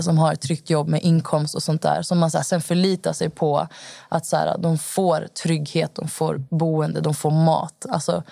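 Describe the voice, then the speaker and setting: Low, gravelly-voiced young woman recounting. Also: mellow, no room sound. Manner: rambling storytelling with many fillers. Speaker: podcast guest. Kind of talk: personal account in casual conversation.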